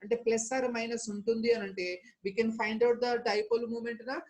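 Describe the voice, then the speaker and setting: Indian lady teacher w telugu accent, talks really fast, repeats stuff and keeps asking little check questions. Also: a little high, level tone, a little mellow. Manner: instructive, repetitive, frequent question tags. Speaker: chemistry teacher.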